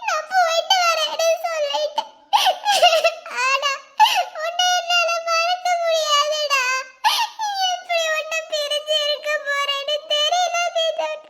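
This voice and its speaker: A woman voicing a heartbroken young woman in a cartoon love story, speaking slowly and tearfully as she pleads with her lover. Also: extremely high pitch, steady tone, bright, forceful tone, exaggerated voice. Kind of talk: cartoon voice acting.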